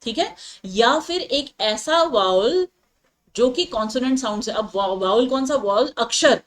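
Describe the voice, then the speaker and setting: A woman who teaches English and speaks Hindi natively explains grammar with patience, her voice fairly high and lively in intonation. She repeats her points, checks that students are following, and reads example sentences slowly.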